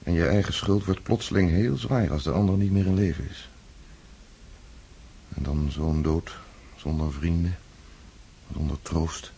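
A man's voice: deep voice, unhurried, creaky, pauses often, dark tone, a little hiss or hum. An actor playing Pierre, an earnest man back from war captivity, speaking in a reflective, emotional way in a radio drama. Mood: remorseful.

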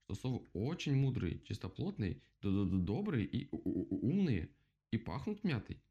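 A man's voice: medium pitch, very animated, normal speed, gravelly, warm tone, lo-fi sound, voice pushed up. A man voicing an earnest male woodpecker in a children's storybook who stammers.

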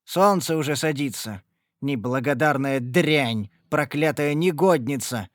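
A man's voice: a little high, unhurried, no echo, studio quality, natural voice. A man voicing a brutal old mercenary father who roars harsh scolding at his daughter. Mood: furious.

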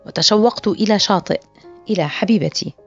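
Female audiobook narrator, quick steady reading, dull lo-fi sound. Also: medium pitch. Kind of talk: scripted literary narration. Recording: muffled lo-fi audio with faint music.

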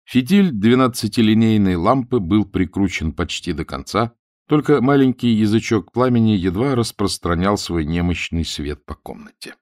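A male audiobook narrator with a fairly low voice that rises and falls animatedly as he tells a comic story. He is recorded close on a studio mic in a dry booth with no room sound. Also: moderate pace, no echo. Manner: expressive, lively storytelling. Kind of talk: scripted narration of a humorous novel.

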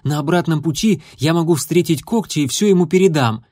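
A man's voice: a little high, fairly quick, darkish tone, no room sound, voice pushed up, lightly acted. An eager young warrior tomcat speaks in an earnest, slightly raised voice, as a male reader puts him on. The storybook recording is dry and close.

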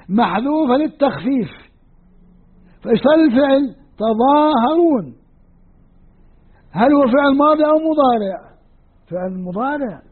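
A man with a Levantine Arabic accent gives an explanatory religious lesson, patiently repeating and counting points aloud. His voice sits unusually high for a man and sounds husky. It comes through a tinny, phone-like lo-fi recording. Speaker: Quran lecturer.

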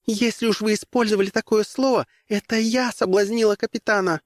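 A male audiobook reader voicing a young woman passenger who pleads in a high, breathless rush. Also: steady tone, a little fast, dry recording, clean studio sound, natural voice. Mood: defiant.

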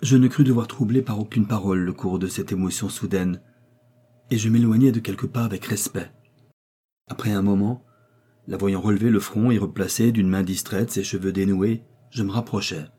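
Male audiobook narrator, dark mellow tone, measured delivery. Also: fairly low pitch, steady tone, husky. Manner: measured, descriptive storytelling. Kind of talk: scripted narration of a classic novel.

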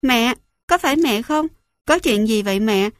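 A woman reading the lines of an anxious young soldier who fires rushed, pleading questions. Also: fairly high pitch, lively intonation, no room sound, studio quality, lightly acted. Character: anxious young man, a soldier cook on the phone.

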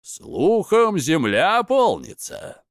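A man reading a fairy tale aloud and voicing a sly, scheming male god of the underworld who gives mocking advice in an unhurried way. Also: mid-range voice, sing-song, dry recording, studio quality.

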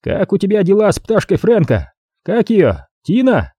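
A man's voice: high voice, huge pitch swings, moderate pace, warm tone, husky, dry recording, clean studio sound, voice pushed up, full character voice. Man doing [name], a teasing cocky gangster. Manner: teasing, needling. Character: cocky mocking male gangster, teasing partners.

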